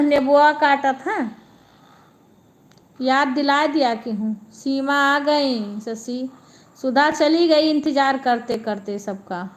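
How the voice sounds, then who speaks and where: A woman, chatting casually with viewers on a live stream from home, homely and repetitive. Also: sits high. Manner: chatty, homely, repeats herself. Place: at home, lying down.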